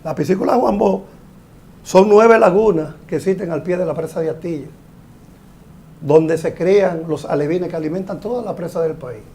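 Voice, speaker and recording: An older man, speaking as an engineer guest in a panel talk show, explaining in a measured, sometimes emphatic way. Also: sits high, mellow. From Dominican Republic.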